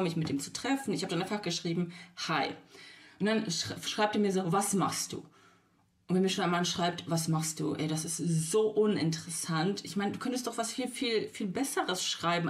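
A woman chats straight to her viewers in a casual storytime vlog, her voice sitting at an ordinary middle pitch. She replays a text conversation line by line, flipping between what she said and what he said, and breaks off into exasperated asides that sometimes sink to a near whisper. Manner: lively retelling, quotes text chats back and forth. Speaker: vlogger.

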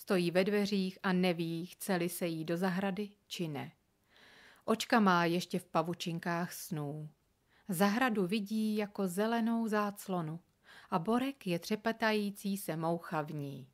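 Expressive woman reading a children's story. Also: lowish voice. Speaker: reader. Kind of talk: storybook narration.

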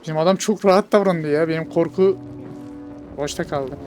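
Male let's player, higher voice, jokey banter, quiet music underneath. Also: moderate pace. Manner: jokey, excitable, banters with game characters. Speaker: gamer. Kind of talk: let's play commentary.

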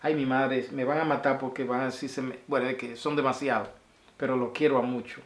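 A man's voice: medium pitch, flat delivery, fairly quick. A man, talking casually and affectionately to his viewers in a video message, rambling and sending blessings from a small room at home. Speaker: vlogger. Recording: roomy echo.

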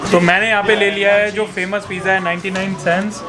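A man's voice: sits high, level tone, quick pace, loud music behind the voice. A man in his thirties from India with an Indian accent, chatting to a handheld camera as a travel vlogger on a busy city street, slipping English phrases into his talk. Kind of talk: casual vlog narration to camera. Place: busy city street and subway station outdoors. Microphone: handheld camera at arm's length. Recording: street noise behind.

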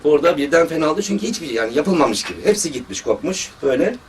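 Speaking very fast in a fairly high voice, a male surgeon tells stories from his job during a religious talk, lively in quoting others along the way. Faint background noise comes through a distant microphone.

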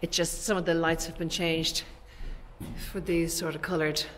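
Her delivery is flat and low-pitched at a normal speed. This Irish estate agent, a woman in her forties, chats and explains while strolling through the large bare rooms of an empty commercial unit in an informal walkthrough.

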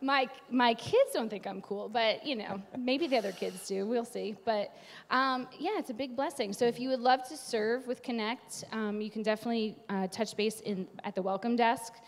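A woman's voice: fairly high pitch, normal speed. A woman from New York with a Long Island accent, chatting on stage about volunteering with the church youth group. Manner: bubbly, chatty, laughs easily. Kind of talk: live church announcements. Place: church sanctuary. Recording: long reverb of a large church hall.

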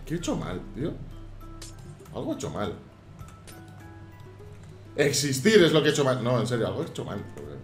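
Man, casual gaming commentary, animated, shouted exclamations, roomy sound. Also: medium pitch, brisk, pauses often. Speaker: gaming YouTuber. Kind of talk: casual let's-play commentary. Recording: roomy sound with faint game music.

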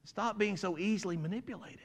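A man preaching an animated sermon as pastor, swinging from loud to quiet and acting out crowd voices. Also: high-pitched, fairly quick.

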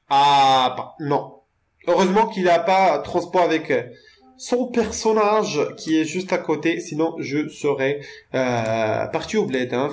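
A young man casually commentating his own video game play, joking, rambling to his viewers and stammering over repeated words. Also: a little high.

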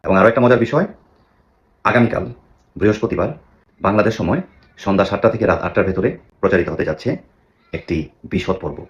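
Man, very deep voice, pronunciation teacher, rhetorical questions, repeats words slowly. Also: lo-fi sound. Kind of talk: pronunciation lesson.

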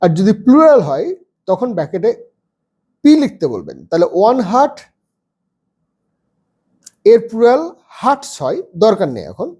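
A man teaching a first-grade English lesson, spelling words out slowly letter by letter. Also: high-pitched, very animated, darkish tone.

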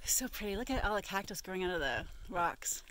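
A friendly adult chats casually while out on a hike. The voice rises and falls a lot, and loud music plays over it. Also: medium pitch, sing-song, brisk. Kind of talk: casual chat. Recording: music playing loudly over it.

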